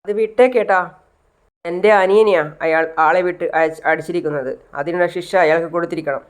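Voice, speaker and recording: A woman's voice: on the low side, fairly quick, lightly acted. A woman voicing a stern, protective older brother set on revenge, in a retold serial story. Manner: stern, commanding.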